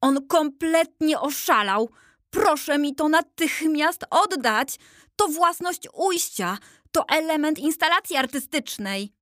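A jumpy, excitable young insurgent from a storybook, as a woman reader puts him on, pitched well up and loud. His words tumble out in an excited, nervous rush, recorded close and dry. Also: slow, no room sound. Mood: agitated. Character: agitated young male insurgent, anxious, excitable.

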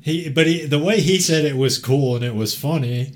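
A man's voice: a little high, normal speed. A man hosting a podcast, telling a long story in a rambling, casual way, laughing often and swearing freely. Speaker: podcast host.

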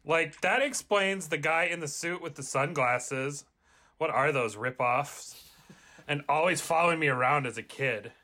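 A man's voice: a little high, unhurried, pushed and bright. A man voicing a ditzy, whiny Valley Girl time traveler in a comedic table read, with a put-on Valley Girl accent and constant "like" fillers. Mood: baffled. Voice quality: whiny, filler-heavy "like" speech.

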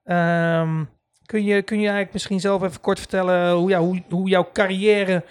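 A man co-hosts a casual chat podcast. His pitch sits a bit above the usual male range. He halts and restarts his sentences often while he introduces a guest. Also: flat delivery, normal speed, smooth. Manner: hesitant with many fillers and restarts. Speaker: podcast co-host.

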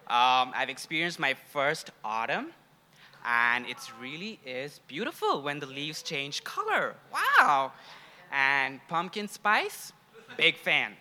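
A young adult man from Sri Lanka and India, a grad student, preaches as a guest to a congregation in an informal, conversational style, sharing personal stories. His slightly high voice swoops wildly in pitch, slow and sharp-toned.

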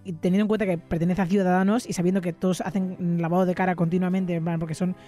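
A woman's voice: lowish voice, little pitch movement, quick pace, dark tone, soft background music. A woman podcast co-host speaking Spanish with a Catalan accent in outspoken casual chat, swearing freely.

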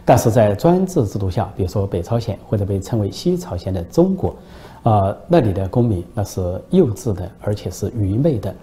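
A man's voice: lowish voice, big pitch swings, fairly quick, dark tone. A man giving a political commentary monologue in a scornful, denouncing manner. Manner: scornful, denunciatory.

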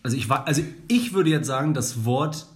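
A young man chatting on a casual podcast, his voice at an ordinary pitch. He stops and restarts often, hunting for words between fillers. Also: expressive. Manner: halting, many fillers, searches for words. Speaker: podcast co-host.

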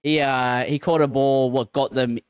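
A man's voice: mid-range voice, steady tone, moderate pace, smooth, no echo, studio quality. A young Australian man hosting a casual sports podcast, joking and laughing often as he talks. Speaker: podcast host.

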